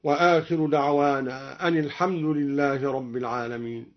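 A man teaching Quranic reading variants, moving between brisk explanation and slow melodic recitation of the verses. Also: mid-range voice, steady tone. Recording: muffled lo-fi recording.

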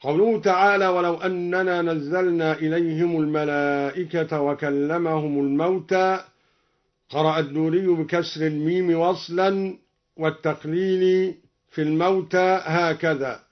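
Higher-voiced man teaching Quranic readings. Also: little pitch movement. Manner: switches between brisk explanation and slow melodic recitation. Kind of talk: lesson on Quranic reading variants. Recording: muffled lo-fi recording.

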